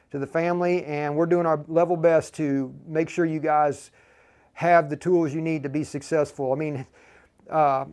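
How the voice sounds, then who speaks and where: A high-pitched, slightly mellow man hosts and teaches a live tutorial stream. His talk to viewers is casual and halting, full of repeats and restarts, and he speaks to them directly as "you guys."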